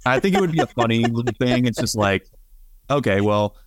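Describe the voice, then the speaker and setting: A man's voice: mid-range voice, animated, a little fast. A man co-hosting a podcast in casual chat, rambling and chatty with frequent fillers. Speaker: podcast co-host, bonsai nursery worker.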